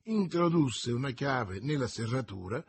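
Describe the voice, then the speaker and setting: A man reading a novel aloud as an audiobook narrator, in a measured, expressive way. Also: mid-range voice, slight background noise. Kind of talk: scripted narration.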